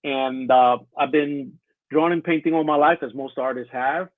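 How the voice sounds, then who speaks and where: A guest illustrator, born in Colombia and raised in the US, chats casually in an interview over a tinny, phone-like remote line. His medium-pitched voice moves at a moderate pace, relaxed and hesitant with many fillers, and the recording is dry.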